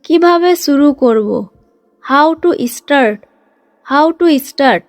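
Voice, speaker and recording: Brief: high-voiced woman teacher, drilling short phrases in a dry close recording. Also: expressive, dry recording. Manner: reads each Bengali phrase briskly, then says the English slowly twice. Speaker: English teacher.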